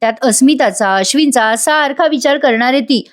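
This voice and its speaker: A woman's voice: high voice, a little fast, lightly acted. Give me a coaxing, pleading aunt, put on by a woman recapping a soap. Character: caring middle-aged aunt, gently persuasive.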